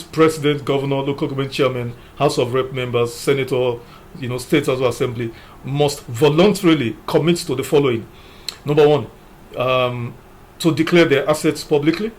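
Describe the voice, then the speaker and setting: A man's voice: medium pitch, normal speed. Emphatic man laying out points. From Nigeria. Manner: emphatic, lists numbered points, frequent "you know". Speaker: political commentator. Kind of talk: opinion commentary.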